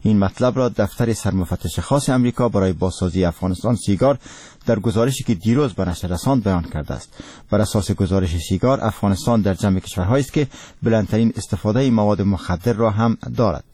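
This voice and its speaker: Solemn, formal Afghan newsreader, mellow low voice. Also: male voice, slightly rough, no room sound. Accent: Afghan Dari. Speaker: radio news presenter. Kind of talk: scripted radio news reading.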